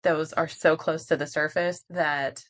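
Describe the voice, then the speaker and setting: A woman's voice: deep voice, steady tone, unhurried, a bit bright. A woman co-hosting a home-care podcast, explaining steps in a practical, matter-of-fact way in casual chat. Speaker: podcast co-host.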